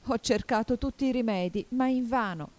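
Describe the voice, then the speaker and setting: A woman voicing a distraught male pigeon in a storybook reading, shrill, wailing and accusing. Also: very animated, normal speed, warm tone, natural voice. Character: frantic male pigeon guarding eggs, shrill and suspicious.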